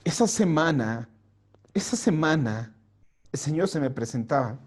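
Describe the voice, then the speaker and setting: Earnest, high-voiced pastor telling his testimony. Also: lively intonation, breathy edge. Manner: earnest storytelling, acts out quoted lines in a raised voice; drops soft and slow for prayers. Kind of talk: personal testimony to a youth group. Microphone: home mic for an online vigil.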